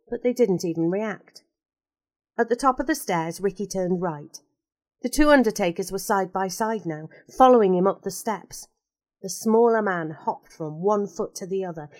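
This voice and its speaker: Woman narrator, storybook reading, expressive, mid-range voice, dry close sound. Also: medium pitch, no echo.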